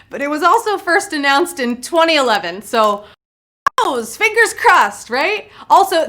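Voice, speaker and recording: A woman's voice: high-pitched, fairly bright tone. A woman hosting a live trivia game show, bubbly and jokey, cracking puns and talking to the players in the chat. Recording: faint music behind.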